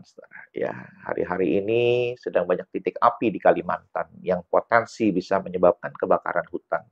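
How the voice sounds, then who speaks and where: A male pastor preaching a sermon with a gravelly, low voice. He tells a story and keeps turning to the congregation. The church recording sounds dull and lo-fi. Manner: tells a story, often calls the congregation "saudara". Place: church service.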